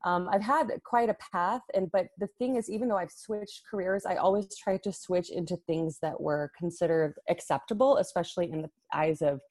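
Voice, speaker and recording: Thoughtful woman guest, low-pitched voice. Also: normal speed, few pauses, a little mellow. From Chicago suburbs, USA. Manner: thoughtful, laughs easily, many "um" and "like". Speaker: podcast guest, library director. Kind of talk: casual podcast interview.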